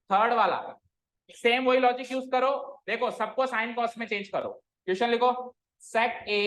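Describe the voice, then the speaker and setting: A man's voice: very high-pitched, a bit bright, low-quality recording. Man teaching maths, checking for doubts. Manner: checks often for doubts, informal Hindi-English mix. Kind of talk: online class lecture.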